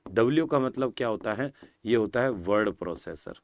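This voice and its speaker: A man's voice: fairly low pitch, animated, normal speed. A man teaching a computer class live online, repeating key terms, checking in with the class and calling the students "beta". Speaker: exam-prep computer teacher.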